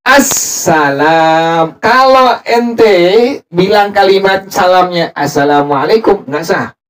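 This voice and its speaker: High-voiced man drilling a study group. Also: slow pace. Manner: drilling, repeats points and quizzes the listeners. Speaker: religious teacher. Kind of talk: teaching prayer practice to a study group. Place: evening religious study gathering. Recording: distant mic with a group audible.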